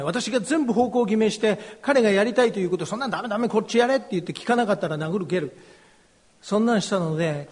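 A middle-aged man, a pastor, giving a slow and earnest personal testimony as a sermon. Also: sits high, darkish tone. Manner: slow, earnest, confessional delivery. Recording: long hall reverb.

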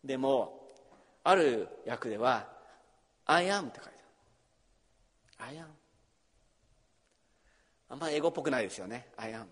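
A man preaching a sermon as pastor, swinging between loud emphasis and hushed near-whisper in a church hall. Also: medium pitch, animated, measured pace, long pauses.

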